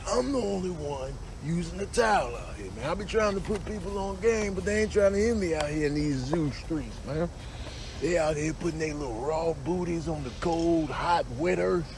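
Bragging male gorilla, man voicing, streetwise, lively pitch, noisy clip. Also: normal speed, gravelly. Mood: boastful. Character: boastful male zoo gorilla proud of his towel.

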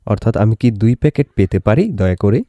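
Calm Bangladeshi man with a mellow voice. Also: on the low side, dry recording, studio quality. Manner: calm and explanatory, reads English lines slowly and carefully. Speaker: teacher. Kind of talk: classroom lesson explanation.

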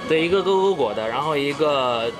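Chatty young guy vlogging in a cafe, kinda high voice, music playing behind. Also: lively intonation, a little fast. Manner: upbeat, chatty, exclaims at the dishes. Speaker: food vlogger host. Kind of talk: casual chat while tasting food. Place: indoor themed cafe and shop.

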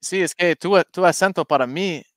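A man chatting casually on a livestream, speaking in halting phrases full of fillers and English asides. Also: high voice, a bit bright, no room sound, studio quality. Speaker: guest YouTuber.

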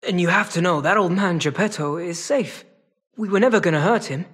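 Cunning cat rogue, slightly high male voice, husky, wry, world-weary, streetwise, casual bargainer, video game character. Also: brisk, fairly bright tone. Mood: weary, pleading.

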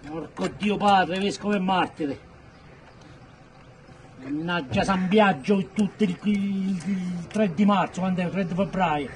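Exasperated middle-aged man cursing, high-pitched. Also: a little slow, poor audio. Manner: exasperated, cursing, straining while bent over work. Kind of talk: muttered swearing rant while working. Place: outdoors by a building wall. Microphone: phone held by another person a few steps away. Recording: outdoor phone video with faint noise.

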